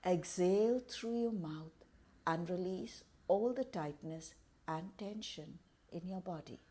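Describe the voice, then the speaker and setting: A woman with a rather low voice guides a meditation. She is calm, measured and deliberate, pausing between short phrases.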